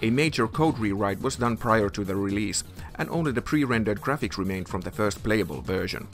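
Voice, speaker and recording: A man reads scripted documentary narration as a video narrator, his voice on the low side with lively intonation and a slightly fast pace. Background music plays under his voice.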